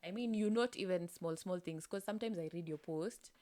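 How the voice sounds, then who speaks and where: A woman's voice: on the low side, fairly quick. A woman hosting a casual chat, affirming her guest. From Kenya. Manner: affirming, warm. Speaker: host.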